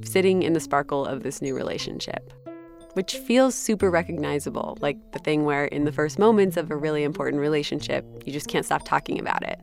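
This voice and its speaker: A woman's voice: sits low, creaky. Reflective woman narrating a documentary podcast. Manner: conversational, reflective storytelling. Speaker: podcast host. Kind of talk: scripted narration.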